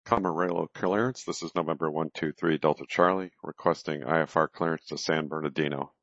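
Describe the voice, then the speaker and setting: A man's voice: rumbling low, steady tone, fairly quick, gravelly, a bit bright, dry recording. A man talking as a pilot over a cockpit headset radio, making clipped, methodical radio calls and readbacks with small hesitations. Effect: pilot transmitting over a cockpit headset radio. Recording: dull, dry radio transmission.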